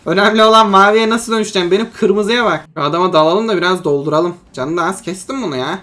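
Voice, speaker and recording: In live gameplay commentary, a young adult mobile-game creator chats with viewers as though they were friends. The medium-pitched voice is excitable, breaking into yelps and shouting during tight, tense fights.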